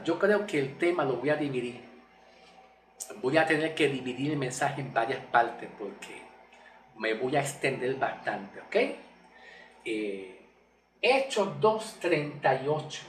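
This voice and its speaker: A man giving a Bible teaching, often checking in with short questions to his listeners and repeating key words slowly for emphasis. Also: medium pitch, lively intonation. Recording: roomy echo from a distant mic with faint noise.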